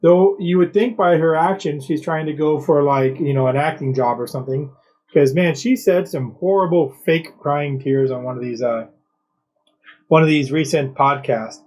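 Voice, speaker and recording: A male host with a somewhat high voice delivering mocking political commentary. He rambles in a sarcastic tone, stumbling through fillers and restarts, with scoffing asides between his points. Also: moderate pace, darkish tone, rough recording.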